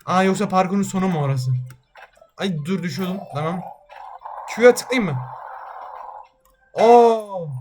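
A man giving excitable let's-play commentary while gaming, yelping at near misses. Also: high-pitched, a little fast, pauses often, noisy background. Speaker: gaming channel host.

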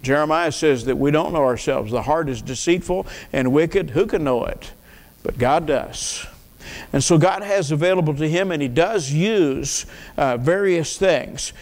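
An older man preaching an earnest sermon at a church pulpit, asking the congregation questions and often repeating words. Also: a little high. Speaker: pastor. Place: church sanctuary, at a wooden pulpit. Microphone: pulpit mic. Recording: long reverb of a church hall.

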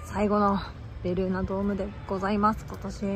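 A woman's voice: mid-range voice, monotone, fast talker, over music. A woman vlogger telling stories casually and animatedly, often exclaiming and laughing at herself. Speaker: baseball fan vlogger. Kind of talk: casual storytelling vlog.

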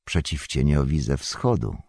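A man voicing a grim, guarded ranger in an audiobook, calm and measured, sometimes whispering. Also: low-pitched, creaky, breathy edge, no echo, studio quality, exaggerated voice. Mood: grave. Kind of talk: audiobook character voice.

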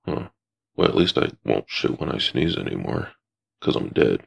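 Man doing a gravelly old cartoon grandpa voice. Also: extremely low pitch, big pitch swings, normal speed, heavily acted. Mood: grumbling. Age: older. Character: frail, crude, grumbling old cartoon grandpa. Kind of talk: amateur cartoon voice acting.

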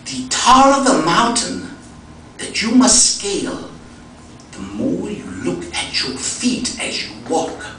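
A man putting on a gentle, preachy Ethiopian friend. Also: high-pitched, wildly swooping pitch, a little hiss or hum, voice pushed up, heavily acted. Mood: preaching. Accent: Ethiopian (put-on). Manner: slow, sing-song, emphatic. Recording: echoey hall, distant mic.

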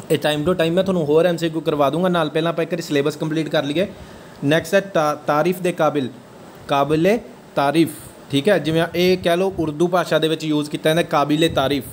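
A man's voice: a little high, slight background noise. Man teaching a grammar lesson. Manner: checks understanding with repeated questions. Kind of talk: exam-prep grammar lecture.

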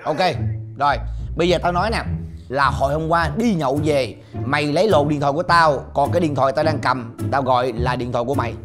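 A man's voice: fairly high pitch, fast, lightly acted. An actor playing an awkward, overly polite young man who can't sleep, explaining himself in hesitant, rambling sentences. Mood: sheepish. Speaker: friend who calls at midnight. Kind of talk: scripted comedy sketch acting. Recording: music score under dialogue.

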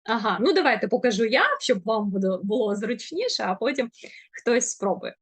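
A woman with a Ukrainian accent teaching a diction class, animated and demonstrating tongue twisters at speed. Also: a little high, fairly quick, husky, no echo. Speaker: speech coach.

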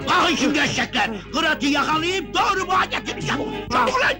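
A bald, bullying village agha. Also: male voice, very high-pitched, lively intonation, fairly quick, over loud music. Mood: mocking. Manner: shouting, blustering threats. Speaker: film villain. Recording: old film soundtrack with crowd noise.

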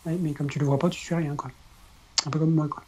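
A man's voice: on the high side, fairly even intonation, quick pace, a little hiss or hum. A man talking casually with a friend while playing and commenting on a game. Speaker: gaming video player and commentator. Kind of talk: casual gameplay chat with a friend.

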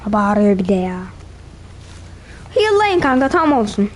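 A woman's voice: medium pitch, sing-song, measured pace, slight background noise. A woman commenting on her own gameplay, teasing and trash-talking the other players as she goes. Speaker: gamer.

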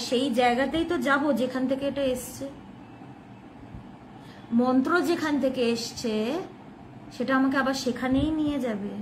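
A woman with a Bengali accent delivers a devotional talk in a high voice. She explains patiently and earnestly, putting questions to her listeners and answering them herself. A faint background noise runs under the recording. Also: low-quality recording. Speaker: devotional speaker.

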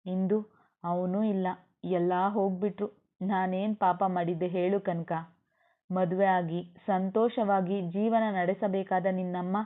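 A woman's voice: mid-range voice, lightly acted. Woman reading as a grieving old grandfather. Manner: mournful, heavy-hearted lament. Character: grief-stricken old grandfather. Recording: tinny phone-like audio.

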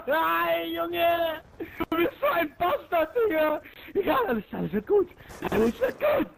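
A man raging and yelling during an online shooter match, swearing and taunting his opponents nonstop. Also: very high voice, animated, a little slow, gravelly, slight background noise, poor audio. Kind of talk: screaming gaming rant.

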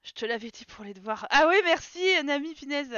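A woman's voice: high-pitched, lively intonation, brisk, bright, forceful tone, no room sound, lo-fi sound. A woman streaming a life-sim game from home, chatting casually and talking to her game characters. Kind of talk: casual live gameplay commentary.

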